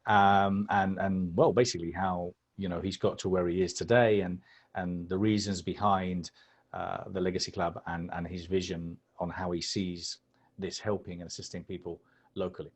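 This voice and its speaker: A man's voice: low voice, flat delivery, moderate pace. A man hosting an interview series, introducing a guest and asking questions while often repeating his phrases. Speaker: host and founder.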